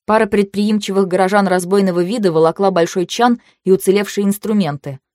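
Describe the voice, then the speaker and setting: A woman narrating a fantasy audiobook in the first person, with a measured, even storytelling manner. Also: mid-range voice, dry recording, studio quality.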